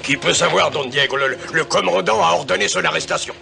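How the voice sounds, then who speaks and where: Gravelly, drill-sergeant army sergeant. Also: male voice, on the high side, fairly quick, over music. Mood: deferential. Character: blustering, deferential sergeant, obedient to his commandant. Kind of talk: French-dubbed television adventure acting.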